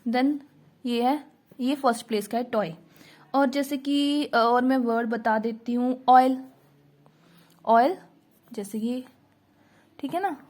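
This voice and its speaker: Lady teaching shorthand, kinda high voice, slow, keeps repeating the example words. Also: darkish tone. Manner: slow, repeats example words aloud, mixes English into Hindi. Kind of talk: casual tutorial explaining shorthand.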